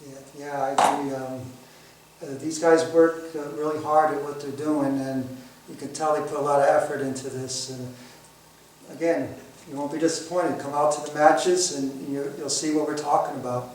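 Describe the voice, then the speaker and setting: Higher-voiced man, hesitant, echoey room. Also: flat delivery, moderate pace, a little mellow. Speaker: interview participant. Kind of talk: casual interview chat. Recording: echoey room, distant mic, faint noise.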